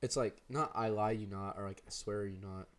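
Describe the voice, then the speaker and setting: A man's voice: fairly low pitch, steady tone, moderate pace, fairly bright tone. A teenage boy co-hosting a podcast, telling rambling stories with lots of laughs and "dude". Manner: rambling, laughs often, says dude a lot. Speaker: podcast co-host. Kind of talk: casual chat.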